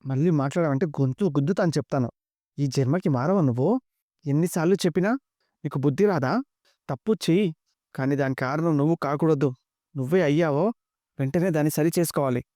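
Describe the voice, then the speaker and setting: A man voicing an indignant old grandmother who scolds sharply, read fast in a dry recording. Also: a little high, dark tone, dry recording, close to an everyday voice. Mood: scolding.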